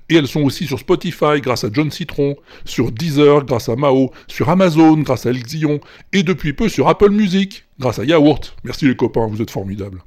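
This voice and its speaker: A man's voice: medium pitch, a little mellow. Playful chatty male podcast host. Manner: playful, chatty, addresses listeners informally. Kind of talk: casual podcast presenting.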